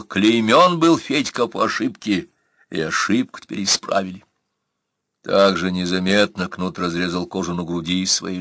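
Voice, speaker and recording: A male audiobook narrator reading in a measured, even way. His voice is low yet bright and forceful. The sound is dry and close, from a studio mic. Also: no echo. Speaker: audiobook reader. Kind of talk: scripted narration.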